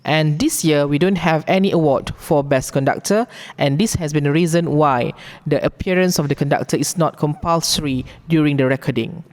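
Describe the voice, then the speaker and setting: A woman with a low voice and a Malaysian accent sets out rules in a formal briefing. She is deliberate and instructive, taking things item by item. The sound carries a long, echoing reverb. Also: darkish tone. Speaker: competition briefing presenter.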